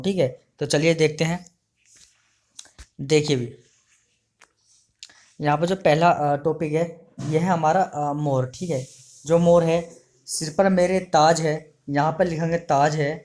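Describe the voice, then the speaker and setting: A man's voice: a little high, darkish tone. A male teacher, giving an online exam-prep lesson, reading short poems aloud and then explaining each one plainly.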